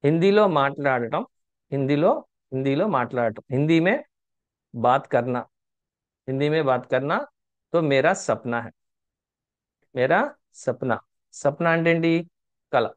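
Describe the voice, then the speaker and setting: A man teaching a spoken Hindi lesson online. He repeats phrases slowly in drills, quizzes his learners and teases them in chatty asides. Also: mid-range voice, dull audio.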